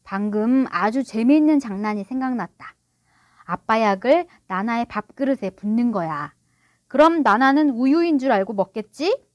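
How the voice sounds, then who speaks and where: A woman's voice: on the high side, animated, normal speed, darkish tone, no echo, lo-fi sound, close to an everyday voice. A woman voicing a proud, sulky middle-aged father who blusters and gets defensive. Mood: indignant.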